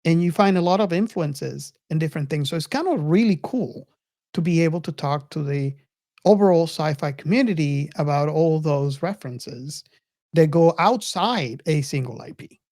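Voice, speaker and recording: Deep and dark-toned, this woman hosts her podcast with earnest enthusiasm and a relaxed style, frequently restarting and repeating words. The studio audio is clean, with no echo.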